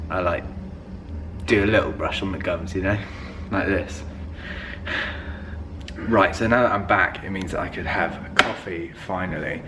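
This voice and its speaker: A man's voice: deep voice, background noise. A young man, chatting casually to camera in a rambling, filler-heavy vlog. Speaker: vlogger.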